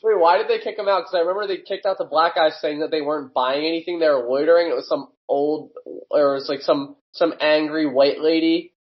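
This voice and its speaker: Young dude on a podcast, kinda high voice, laughs a lot, muffled lo-fi sound. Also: male voice, a little fast. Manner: excitable, laughs often, stammers apologies. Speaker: podcast co-host. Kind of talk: casual chat.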